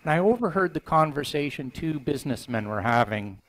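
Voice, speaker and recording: An older man reading scripture aloud and preaching in a church sanctuary on a headset mic, voicing quoted lines with lifted pitch. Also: a little fast, rough recording. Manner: expressive reading, voices quoted lines higher; stands at the front holding a book, conversational preaching. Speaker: minister.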